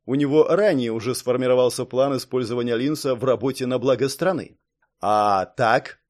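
A man narrates a fantasy audiobook in an even, measured way. His voice sits at a middle pitch. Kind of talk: scripted narration.

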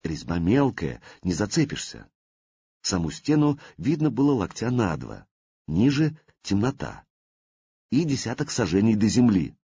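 A man narrating an audiobook in an expressive storytelling manner. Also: fairly low pitch, unhurried, breathy edge, dry recording, highs cut off. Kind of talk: scripted narration.

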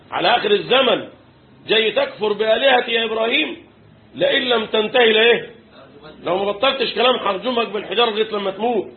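A man with an Egyptian accent teaching a religious lesson, asking his listeners questions and answering them himself, reciting verses slowly. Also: high voice. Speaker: Islamic teacher explaining Quran commentary. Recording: tinny phone-like recording with faint noise.

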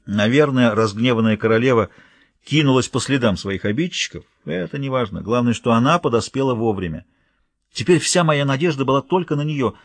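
Male audiobook narrator, mid-pitched, measured storytelling, dry close mic. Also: animated, dry recording. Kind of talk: scripted first-person audiobook narration.

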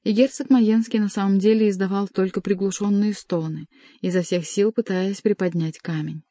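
A woman reading a novel aloud as narrator, in an even, measured storytelling manner. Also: medium pitch, dry recording. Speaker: audiobook reader. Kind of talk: scripted narration.

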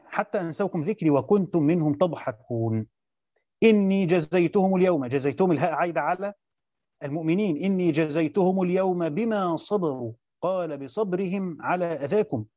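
Egyptian male teacher, fast and slightly high, reads then explains and quizzes; dull lo-fi sound. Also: mellow, no room sound. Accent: Egyptian Arabic. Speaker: teacher of Quran commentary. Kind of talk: classroom lecture reading and explaining a text.

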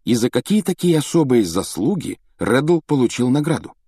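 A man's voice: medium pitch, very animated, moderate pace, dark tone, breathy edge, no echo, clean studio sound. A man voicing a thoughtful, curious schoolboy who speaks earnestly and sounds a little puzzled in an audiobook reading.

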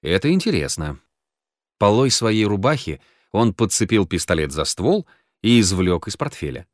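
A man narrates an audiobook with expressive, dramatic reading. His voice is fairly low but moves a lot in pitch. The sound is close and dry. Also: normal speed, no room sound. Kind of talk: scripted narration.

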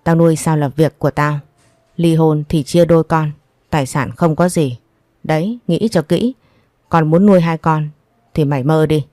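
A woman's voice: deep voice, moderate pace, mellow, dry recording, studio quality, close to an everyday voice. A woman voicing an angry, cold husband in an audio story, speaking harshly and with contempt. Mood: coldly mocking. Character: angry, cold adult husband in a marital fight.

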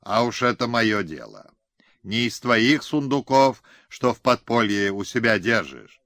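A man's voice: animated, a little slow, a bit bright, no room sound, clean studio sound. A man voicing a whiny, scheming Cossack colonel who stammers and talks through his nose, in an audiobook. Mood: whining. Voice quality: nasal, whining. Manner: shrill hysterical outbursts. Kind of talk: audiobook character reading.

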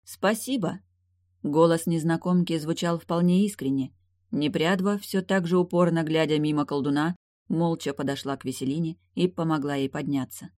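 Measured audiobook reader, dry close sound. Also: mid-range voice, steady tone, darkish tone, dry recording. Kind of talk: audiobook narration.

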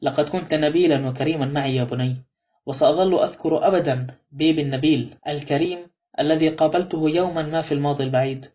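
Calm, grateful older ex-convict for a storybook reading, as a male narrator puts him on; quick, quiet, slightly raised pitch. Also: lightly acted. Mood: earnest.

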